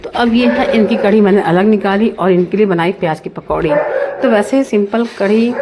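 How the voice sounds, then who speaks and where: A woman's voice: medium pitch, dark tone, slight background noise. A middle-aged woman narrating her family's day in a chatty, homely storytelling way, as a vlogger.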